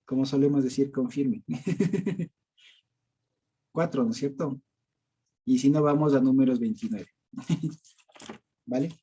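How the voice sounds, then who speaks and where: A man with an Ecuadorian Spanish accent leads a Bible study in a husky, dark, mid-range voice, speaking slowly and pausing often. His manner is casual and conversational, full of laughter and verbal fillers, and he keeps quizzing listeners with rhetorical questions.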